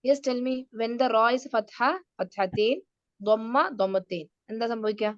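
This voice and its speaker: Slow, patient woman teacher. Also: on the high side, no echo. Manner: mixes English into her talk. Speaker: Quran recitation teacher. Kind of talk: online class teaching kids. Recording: dry, dull lo-fi sound.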